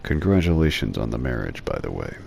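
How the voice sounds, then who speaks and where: Very deep, gravelly man gaming casually. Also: very animated, a little fast, background noise. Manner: irreverent, mildly profane. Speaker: gaming video host. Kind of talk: casual let's-play commentary. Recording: music behind the voice. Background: music.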